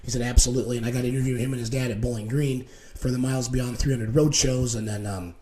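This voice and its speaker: A male show host chats very fast and casually, loose and informal like live banter between co-hosts. His medium voice is mellow and slightly hoarse, with fairly even intonation.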